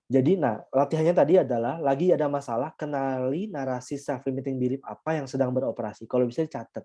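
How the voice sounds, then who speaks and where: Mellow-voiced man teaching meditation. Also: medium pitch. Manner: calm, explanatory, frequent tag questions, mixes in English terms. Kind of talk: guiding an online meditation talk.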